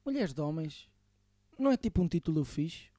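A man's voice: on the high side, big pitch swings, fairly quick, warm tone, no room sound, clean studio sound. A young man with a European Portuguese accent, co-hosting a podcast with joking, slangy banter. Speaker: podcast co-host. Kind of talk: casual chat.

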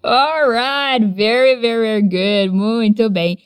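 A woman teaching English in a lesson, modeling phrases slowly with exaggerated pronunciation for learners to repeat. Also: a little high, fairly even intonation, clean tone, no room sound, clean studio sound. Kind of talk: language lesson with repeat-after-me drills.

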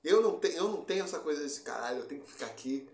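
A man's voice: fairly high pitch, lively intonation, rapid-fire, roomy sound. A man co-hosting a casual podcast chat, talking bluntly and swearing often, with frequent restarts. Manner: blunt and profane, many restarts. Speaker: podcast co-host.

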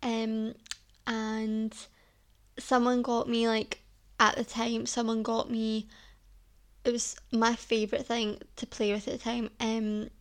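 Scottish girl in her 20s rambling on her podcast, bit high voice, says like a lot. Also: completely flat delivery, slow pace. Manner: chatty, rambling, heavy use of "like" and "um". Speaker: podcast host. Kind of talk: casual solo podcast chat.

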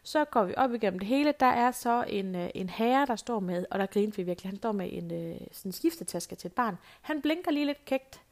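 Middle-aged woman, mid-range pitch, chatty host telling anecdotes, lots of hesitations. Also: expressive, few pauses, darkish tone. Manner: chatty anecdotal storyteller, many fillers. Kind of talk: casual storytelling monologue.

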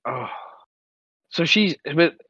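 A young man casually retelling a film plot on a podcast, crude and animated, slipping into quoted voices. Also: on the high side, slow, husky, dry recording. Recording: dull lo-fi dry sound.

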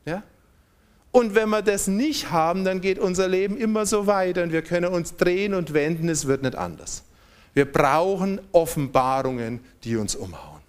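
Emphatic male preacher with a lively voice. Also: high voice, moderate pace, clean tone. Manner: emphatic, reads scripture aloud and asks the congregation for responses. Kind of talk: sermon.

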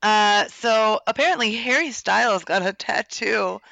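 A woman's voice: mid-range voice, a little slow, gravelly, pushed and bright, no echo, poor audio. A young woman co-hosting a podcast in casual chat, wry and teasing, laughing often. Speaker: podcast co-host.

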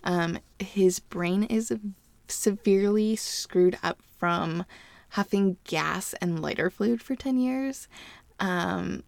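A woman's voice: mid-range voice, slow, gravelly, a little mellow, no echo. A woman co-hosting a true-crime podcast, telling the story in a chatty, filler-heavy way with frequent laughter. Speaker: podcast co-host. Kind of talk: casual true-crime chat.

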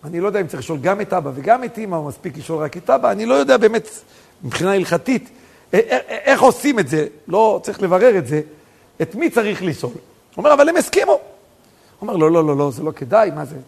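Male rabbi preacher with a high, husky voice, animated storytelling sermon. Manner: animated storytelling, rising to near-shouts for emphasis. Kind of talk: sermon with stories.

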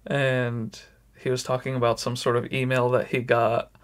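Man, podcast host, casual chat, rambling, filler-heavy, medium pitch. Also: monotone, moderate pace. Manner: rambling, fillers like "like" and "you know", laughs often.

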